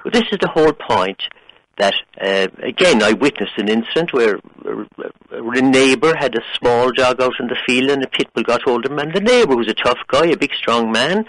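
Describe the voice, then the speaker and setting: A man's voice: medium pitch, fairly bright tone, no echo, low-quality recording. Emphatic Irish man with swooping intonation. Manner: opinionated, emphatic, condescending. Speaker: caller to a radio phone-in. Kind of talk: heated phone-in debate.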